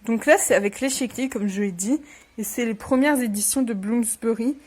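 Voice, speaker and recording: This young vlogger's fairly high voice is darkish and slightly rough, at a normal speed, as she casually chats through a book unboxing. Feeling a little sick, she rambles and throws in self-deprecating comments.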